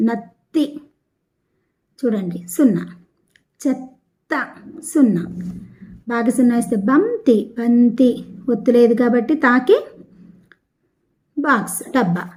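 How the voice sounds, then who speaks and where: A woman teacher working through a Telugu textbook exercise, sounding out words slowly and repeating syllables for her pupils. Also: on the high side, warm tone. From Telugu-speaking south India. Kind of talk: classroom lesson explaining a textbook exercise.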